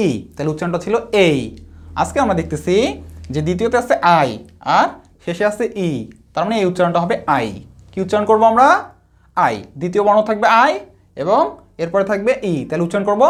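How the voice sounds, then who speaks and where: A woman teacher giving a phonics lesson, patiently spelling out letters and asking her pupils questions. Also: fairly low pitch.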